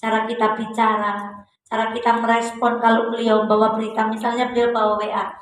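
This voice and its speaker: Woman preacher, Javanese accent, lively sermon, high voice, very echoey hall with faint hiss. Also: brisk. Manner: lively, acts out wife and husband voices. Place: women's study gathering in a hall.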